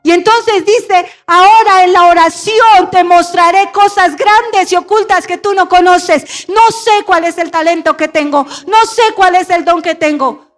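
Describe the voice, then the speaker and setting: A middle-aged woman pastor preaches a sermon in a church sanctuary, asking her congregation to repeat phrases after her in call-and-response style. Her voice is extremely high and a little slow, with faint music in the background.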